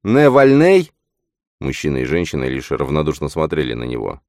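A man reading a fantasy audiobook as narrator in steady scripted narration. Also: rumbling low, quick pace, no echo, clean studio sound.

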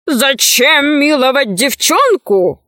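A woman's voice: high-pitched, big pitch swings, slow pace, sharp tone, no room sound, studio quality, heavily acted. A woman voicing a pompous fat male official who proclaims verdicts at a trial in a storybook reading.

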